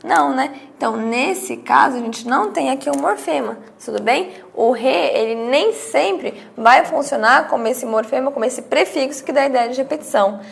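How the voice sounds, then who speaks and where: A woman's voice: sits high, moderate pace, vocal fry, hardly any pauses. A woman teaching a grammar lesson, explaining step by step with rhetorical questions and acting out her students' questions.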